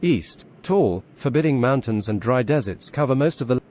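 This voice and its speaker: A synthetic male text-to-speech voice with a British accent, reading text aloud in an even, measured way. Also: mid-range voice, a little hiss or hum. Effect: synthetic text-to-speech computer voice.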